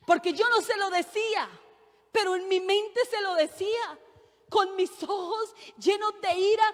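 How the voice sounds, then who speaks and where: A woman in her thirties preaching a sermon, giving an earnest personal testimony and building to fervent emphasis. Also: extremely high pitch. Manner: earnest testimony, addresses listeners as brothers, rises to fervent emphasis. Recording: long hall reverb.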